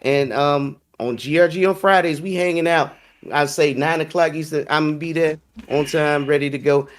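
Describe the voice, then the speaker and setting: A man's voice: on the high side, steady tone, normal speed, slight background noise. Laid-back man plugging his streams. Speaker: podcast co-host. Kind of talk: casual chat.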